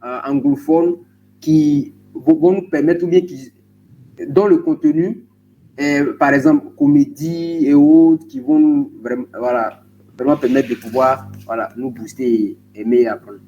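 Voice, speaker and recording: A man's voice: mid-range voice, steady tone, unhurried, dark tone. A man in a group video call politely asking the coach a question, hesitant with many fillers. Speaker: coaching participant. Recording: dull call audio with faint noise.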